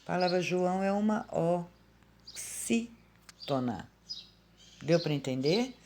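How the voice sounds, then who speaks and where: A woman teacher with a Brazilian Portuguese accent explaining grammar to children in a slow, patient way, recorded on a phone at home. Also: on the low side, darkish tone, slight background noise. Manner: slow, patient and explanatory, calling out words aloud. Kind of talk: remote grammar lesson for children.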